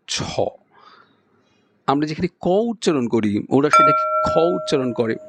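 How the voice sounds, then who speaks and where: A man with a Bengali accent, teaching English pronunciation in a spoken lesson and demonstrating sounds slowly and patiently. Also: medium pitch, a little hiss or hum.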